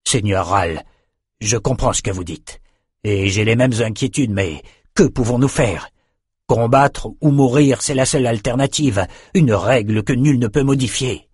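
A man's voice: medium pitch, a little slow, a little mellow, slightly rough, no room sound, studio quality. A man voicing a weary, blood-soaked male soldier who raises blunt but respectful objections, in an audiobook. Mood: worried. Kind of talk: audiobook character reading.

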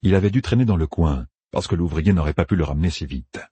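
A man narrating a fantasy audiobook with expressive storytelling. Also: deep voice, quick pace, husky, dry recording. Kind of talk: scripted narration.

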